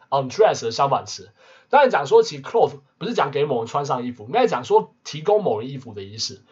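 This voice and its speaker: A man teaching English vocabulary in a casual lesson, constantly adding quick tag questions. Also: medium pitch, husky. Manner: peppers talk with tag questions. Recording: muffled lo-fi recording.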